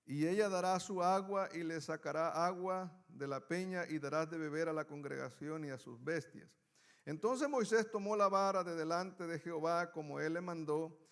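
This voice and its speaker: A man's voice: a little high, clear, resonant tone. A man teaching a Bible study class, reading scripture aloud and putting questions to his students.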